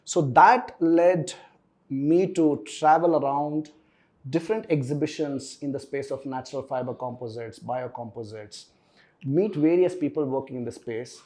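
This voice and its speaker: A man's voice: medium pitch, unhurried, warm tone. A middle-aged man with a South Indian accent explains things conversationally as an interview guest, repeating words for emphasis and often checking in with "right?". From Bangalore region, India. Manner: emphatic repetition, tags statements with "right?". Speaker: interview guest, startup founder.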